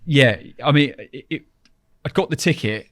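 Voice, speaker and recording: A man's voice: mid-range voice, moderate pace, fairly bright tone, no room sound, clean studio sound. A man telling casual, rambling anecdotes as a podcast guest in informal, colloquial speech.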